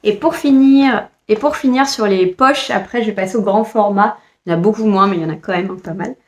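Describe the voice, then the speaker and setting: This French woman book vlogger casually chats about books she bought, stumbling with frequent fillers and restarts. She talks at a medium pitch and a little fast.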